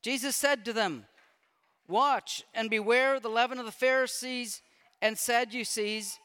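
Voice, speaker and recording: Bright-voiced preacher in a reverberant church. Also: male voice, very high-pitched, fairly even intonation, a little slow, smooth. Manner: reads scripture aloud with conversational asides. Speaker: pastor. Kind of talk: sermon with scripture reading. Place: church sanctuary. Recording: long church-hall reverb.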